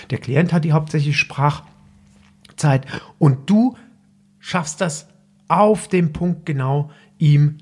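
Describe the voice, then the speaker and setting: A man speaks as a business coach on his own podcast, his voice gravelly with a husky, slightly rough edge. He talks straight to the listener in a direct, instructive way, loose and unscripted, with restarts along the way. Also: a little high, darkish tone.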